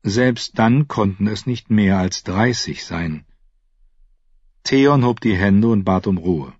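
Ein Mann liest ruhig und ausdrucksvoll einen Roman als Hörbuchsprecher vor. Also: male voice, fairly low pitch, slow pace, a little mellow, husky, no echo. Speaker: audiobook narrator. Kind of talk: scripted narration. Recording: dull lo-fi.

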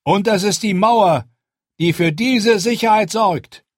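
A man voicing a stern young male commander who gives a forceful, rallying speech in an audiobook. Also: high voice, slow pace, no echo, clean studio sound, pitched above the performer's own voice. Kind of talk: audiobook character voice.

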